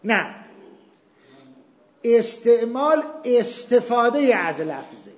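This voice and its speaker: A man with a very high-pitched, very animated voice teaches a seminary class on Islamic legal theory in an echoey room. Through a lecture with class discussion, he patiently explains a point with everyday examples, posing questions and then answering them.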